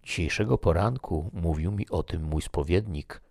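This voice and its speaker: Audiobook figure: man reading as a solemn soldier, low gravelly voice, slow and measured, dry studio. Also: a little mellow, dry recording. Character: grave, fatalistic male soldier.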